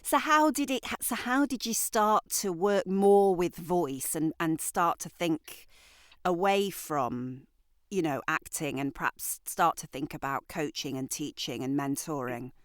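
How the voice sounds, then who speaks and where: A woman's voice: low voice, a little slow, no room sound. A woman hosting an interview podcast, opening with a welcome and then asking friendly questions. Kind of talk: hosted interview. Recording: dry close mic with soft music.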